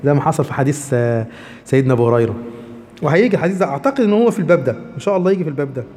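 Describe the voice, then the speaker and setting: A man's voice: on the high side, animated, racing, a little mellow, long reverb tail. A man with an Egyptian accent, explaining religious texts to a class and checking in with rhetorical questions. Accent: Egyptian Arabic. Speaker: religious teacher.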